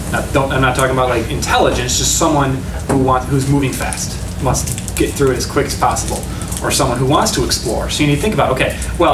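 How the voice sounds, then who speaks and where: A middle-aged man with a mid-range voice gives a casual conference-style talk with slides at a meetup, enthusiastic about design and frequently correcting himself. It was captured by a far-off camera in a meeting room with a projection screen, so the audio is echoey and noisy.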